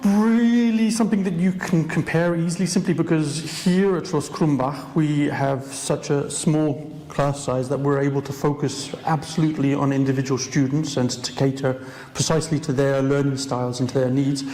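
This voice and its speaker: A man who heads a school language department, answering interview questions in a measured, articulate way with some hesitations. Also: fairly high pitch, fairly even intonation, mellow. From Ireland. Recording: echoey room with faint noise.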